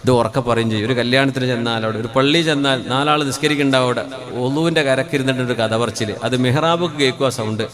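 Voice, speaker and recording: Speaking fast in a mid-range voice over crowd noise, a man gives a Malayalam religious sermon through a microphone. His style is conversational and questioning, broken by melodic chanting of brief Arabic phrases.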